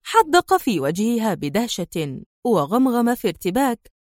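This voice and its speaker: A woman narrating a thriller audiobook in a vivid, expressive storytelling manner. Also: on the high side, moderate pace, no room sound, studio quality.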